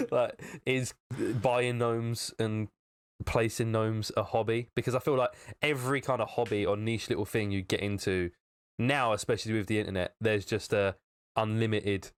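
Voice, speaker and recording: A chatty man talking loosely on a podcast, his voice sitting a bit low. He wanders through his thoughts and laughs often along the way. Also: steady tone, moderate pace, clear, resonant tone. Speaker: podcast co-host. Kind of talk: casual chat.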